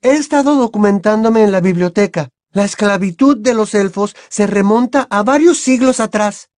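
A bossy, earnest teenage witch girl speaks in a high, strained voice that's far from the reader's own, voiced by a man. She is insistent and precise, pushing every point hard. It is an audiobook character voice with a dry, close sound. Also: normal speed, a little mellow, no room sound, natural voice. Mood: earnest, indignant.

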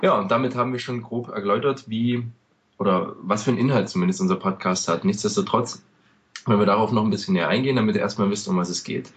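A fast-talking man from eastern Germany, with a lowish voice, co-hosts a casual podcast over a call using a home microphone. He's chatty and rambles through long, loose explanations packed with "ähm" fillers.

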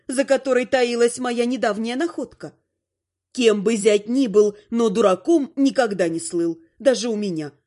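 A woman narrating an audiobook in first person, with a lively, theatrical delivery. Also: fairly high pitch.

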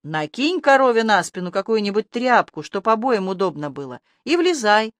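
A sarcastic, scruffy male talking rat, mocking and needling at every turn, voiced by an audiobook narrator. Close, dry audiobook sound with a middling pitch. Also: big pitch swings, moderate pace, fairly bright tone, dry recording. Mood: snide. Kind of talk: audiobook character voice.

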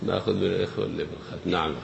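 A man's voice: deep voice, vocal fry, dull audio. A man teaching a grammar lesson, quizzing his audience in a playful, teasing way. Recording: echoey hall with faint noise.

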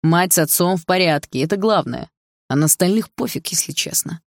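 An audiobook reader voicing a scheming young older brother who lectures and quietly threatens. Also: mid-range voice, expressive, fairly quick, no echo, clean studio sound, lightly acted. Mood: dismissive. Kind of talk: audiobook dialogue.

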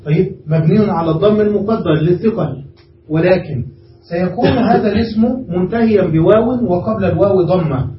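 High-voiced man teaching grammar in an echoey room. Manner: explains step by step, often asks the class "understood?". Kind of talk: classroom grammar lesson. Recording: roomy, distant, dull lo-fi room recording with faint noise.

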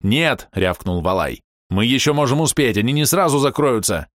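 A man's voice: mid-range voice, animated, a little fast, dry recording, clean studio sound, pitched above the performer's own voice, lightly acted. A man voicing a stern, curt wolf-kin hunter who leads his group, in an audiobook. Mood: urgent. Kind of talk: audiobook character voice.

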